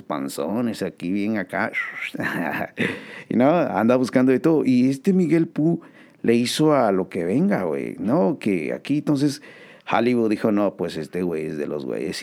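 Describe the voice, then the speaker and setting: A man's voice: on the low side, gravelly, a little mellow. A man hosting a joking casual monologue, laughing often and dropping slang and English words. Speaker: host.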